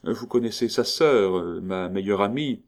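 A man reading a novel aloud, voicing a gentle, flustered young woman in a lighter, raised voice. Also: on the low side, a little slow, lightly acted. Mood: gently anxious.

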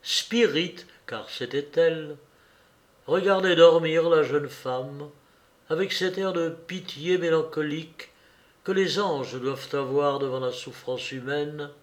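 Brief: male audiobook narrator, slightly high voice, very unhurried literary reading. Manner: measured, literary delivery. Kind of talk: audiobook reading of a classic novel.

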